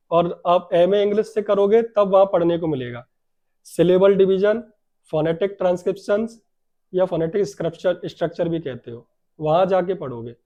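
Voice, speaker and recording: A man's voice: sits high, dark tone, muffled recording. A man teaching a classroom grammar lesson, asking his students questions and answering them himself, and drawing out words to stress them.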